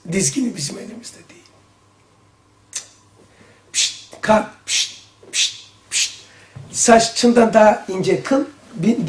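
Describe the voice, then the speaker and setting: A man leads a religious study lesson in a lively, exclaiming manner full of rhetorical questions. His voice sits high for a man. It is heard from some distance in an echoey room.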